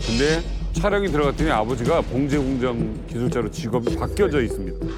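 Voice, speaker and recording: A man's voice: medium pitch, expressive, quick pace, over loud music. A man on a talk show explaining footage as a storyteller, with commentary.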